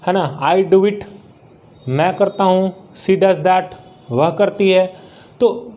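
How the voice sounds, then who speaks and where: High-voiced man teaching English grammar. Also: darkish tone. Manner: asks the class questions and answers them himself; slow, drawn-out reading of example sentences. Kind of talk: grammar lesson explained in Hindi.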